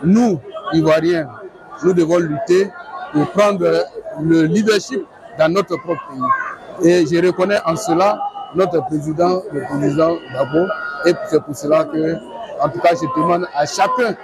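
A middle-aged man speaking deliberately, in an oratorical style, in a street interview at a rally. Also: fairly high pitch. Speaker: party supporter. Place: outdoor tented rally. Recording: lively crowd noise outdoors.

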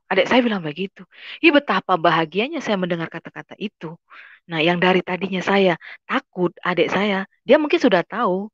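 A woman's voice: fairly low pitch, dry recording, muffled recording. A young woman giving an earnest personal testimony, telling her story plainly and often repeating herself as she reports what was said. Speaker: testimony speaker.

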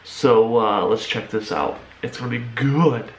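A man's voice: medium pitch, unhurried, echoey room, a little hiss or hum. A young adult man hosting a reaction video with casual, rambling, informal commentary. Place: small room at home, indoors.

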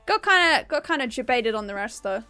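A woman's voice: a little high, very animated, brisk, bright, forceful tone, smooth, soft background music. A young woman streaming a game, chatting casually and upbeat with her viewers and laughing often. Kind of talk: casual live-stream chat while gaming.

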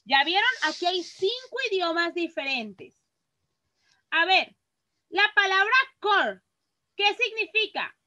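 A woman with a Mexican accent teaches children in a very high, bright voice. She speaks slowly and patiently and sounds each word out clearly. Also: expressive, rough recording. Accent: Mexican Spanish. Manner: patient, reads words aloud slowly and clearly. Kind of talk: online class for children.

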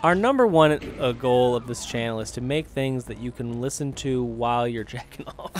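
A man's voice: medium pitch, big pitch swings, measured pace, fairly bright tone, slight background noise. A young man co-hosting a casual gameplay commentary, rambling and joking with frequent laughs. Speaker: co-host of a gaming channel.

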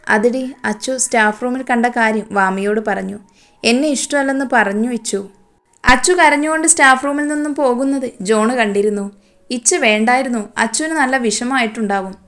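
A woman reading a romance story aloud, speaking all the characters' lines in her own voice and moving quickly between narration and dialogue. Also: a little high, fairly bright tone.

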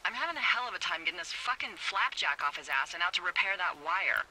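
An actress voicing a wry, teasing woman fire lookout who talks over the radio in a video game, playful and quick to laugh. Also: on the low side, lively intonation, pushed and bright, a little hiss or hum, poor audio.

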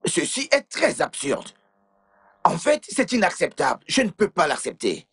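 A man's voice: a little high, wildly swooping pitch, moderate pace, fairly bright tone, breathy edge, no echo, clean studio sound, soft background music, full character voice. A man voicing a pompous young male house worker in a dubbed film who corrects others' words and mocks them. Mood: indignant.

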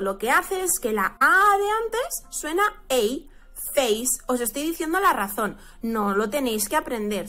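A woman from Spain teaching English pronunciation, drawing out each example word slowly. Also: high-pitched, pushed and bright. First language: Spanish. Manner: slow, drawn-out model words. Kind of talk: pronunciation lesson.

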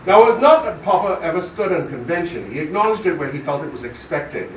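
A son with a Barbadian accent delivers a prepared eulogy for his father to an audience, formal and measured yet very animated, in a slightly high voice. A phone camera records him from far away in a very echoey space, so the audio is muffled, with a little hiss or hum.

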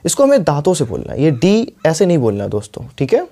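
A man with an Indian accent gives a pronunciation lesson, his voice a touch higher than most men's yet warm and mellow in tone. He says each word twice and keeps asking "clear?" as he goes. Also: wildly swooping pitch. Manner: repeats words slowly, checks in with "clear?" and "alright". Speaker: English teacher. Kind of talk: spoken English lesson in Hindi.

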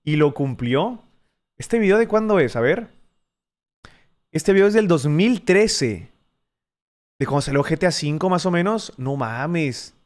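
A man's voice: on the high side, animated, unhurried, long pauses. A Mexican man in his twenties reacting to an old clip on stream, talking in a casual, slangy, joking way. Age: 20s.

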